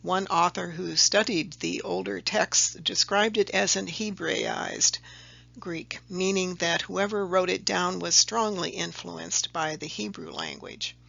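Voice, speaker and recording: A presenter's voice-over takes a letter-number table one slide at a time, methodical and occasionally self-correcting. The mid-range voice is steady and unhurried, with vocal fry and a pushed, bright quality, and the sound is lo-fi.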